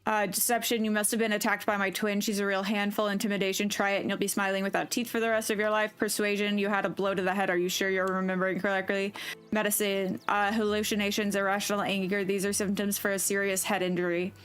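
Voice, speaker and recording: Casual woman streamer, mid pitch, faint music. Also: little pitch movement, fast, fairly bright tone, clear, resonant tone. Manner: chatty, swears, reads choices aloud. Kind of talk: casual game commentary. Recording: faint game music behind.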